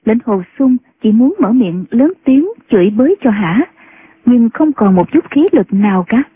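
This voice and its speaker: A woman narrating a martial-arts novel as an audiobook in a steady storytelling manner. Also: on the high side, normal speed, slight background noise. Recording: tinny phone-like sound.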